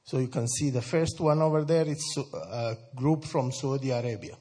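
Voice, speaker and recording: The Sudanese speaker's medium-pitched voice is warm and husky, moving at normal speed. He addresses a church group conversationally, often asking questions of his listeners and breaking into laughter.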